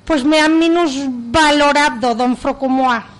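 Woman voicing Néstor, high-pitched earnest assistant. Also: unhurried. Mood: eager, explanatory. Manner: explanatory, matter-of-fact. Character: Néstor, earnest male assistant in a haunted mansion. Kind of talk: comic radio drama dialogue.

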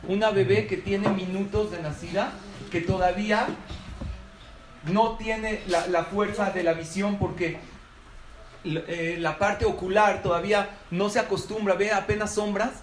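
A man's voice: high-pitched, fairly even intonation, measured pace. A man giving a humorous lecture to a live audience, often asking them questions. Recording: echoey hall from far off, noisy.

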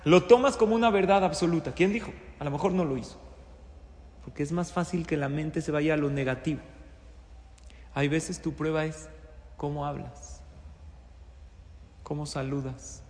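Man, reverberant teaching. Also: a little high. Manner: poses rhetorical questions, emphatic repetition. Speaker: religious teacher. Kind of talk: Torah-based moral talk. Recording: long reverb.

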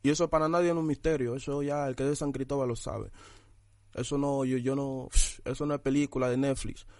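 A man's voice: medium pitch, fairly even intonation, fairly quick, warm tone, no room sound, clean studio sound. A young man, a rapper guest in a casual interview, talking bluntly and toughly with repeated tag questions.

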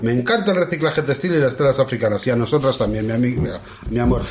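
A man's voice: medium pitch, fast talker, a little hiss or hum. A man from hosting a podcast, chatting in a campy, playful way. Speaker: podcast host. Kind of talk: casual chat. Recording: roomy echo.

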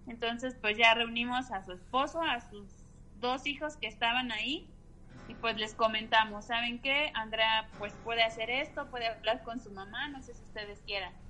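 Woman guest, bright and a little high, chatty storyteller over faint room noise. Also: moderate pace, low-quality recording. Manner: chatty, many fillers and tag questions. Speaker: guest medium. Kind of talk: casual storytelling.

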